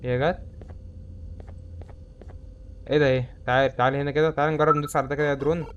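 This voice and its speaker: A young man with an Egyptian Arabic accent chatters quickly through a horror game in let's-play commentary, jumpy, easily spooked, and saying he is scared. His voice is a little high and steady, with the highs cut off and a slight hiss or hum.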